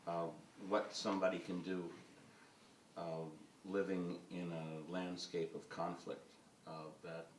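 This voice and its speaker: Speaking slowly in a low, flat voice, a film director rambles through a panel discussion, hesitating with plenty of uhs and ums. He's in an event hall with an audience, captured from far away in the roomy space with slight background noise.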